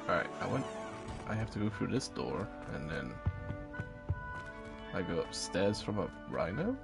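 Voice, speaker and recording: A man comments playfully while streaming a game and often mutters to himself. His voice is deep and gravelly, and it swings widely in pitch. Loud game music plays behind him. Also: sing-song, a little slow. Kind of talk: live gameplay commentary.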